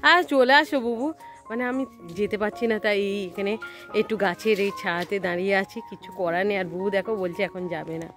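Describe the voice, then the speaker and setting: A woman's voice: medium pitch, fairly even intonation, quick pace, fairly bright tone, faint music behind. A woman with a Bengali accent chatting casually to viewers in a daily vlog, recorded outdoors on a phone. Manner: chatty, talks to viewers and coaxes her child. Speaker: vlogger. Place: outdoors by fields, then at home.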